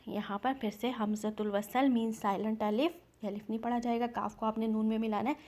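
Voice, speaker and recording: A woman teaching Quran recitation, patiently explaining each rule and stretching out example words slowly. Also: medium pitch, dark tone. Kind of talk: step-by-step recitation lesson.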